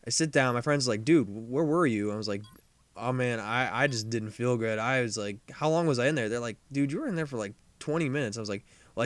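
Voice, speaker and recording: A man telling a rambling, profane story as casual gameplay commentary, with lots of fillers and restarts. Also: medium pitch. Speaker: gaming commentator. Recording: noisy commentary recording.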